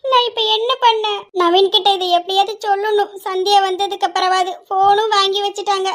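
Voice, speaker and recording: A woman voicing a helpless young woman who laments slowly and tearfully. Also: very high-pitched, level tone, a bit bright. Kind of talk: hobby audio drama.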